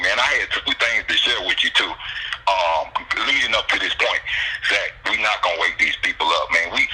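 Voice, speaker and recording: A man from Atlanta, talking casually and repetitively about sports picks, getting animated as he goes. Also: on the low side, a little hiss or hum, low-quality recording. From Atlanta, USA. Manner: loose, repetitive, animated when worked up. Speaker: sports betting picks streamer. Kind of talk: casual conversation.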